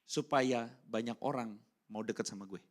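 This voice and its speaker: A man preaching a casual youth sermon in speech, slangy and animated, keeping up a run of rhetorical questions to the congregation. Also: medium pitch, normal speed. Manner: animated, keeps asking the crowd rhetorical questions; slangy and informal, breaks into English phrases. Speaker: youth pastor. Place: church hall during a service.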